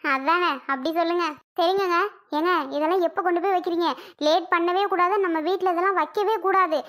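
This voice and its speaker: A shrill, scheming cartoon wife. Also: female voice, steady tone, brisk, a bit bright. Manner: pushy, insistent. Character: scheming grasping young wife, sharp-tongued. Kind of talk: cartoon voice acting.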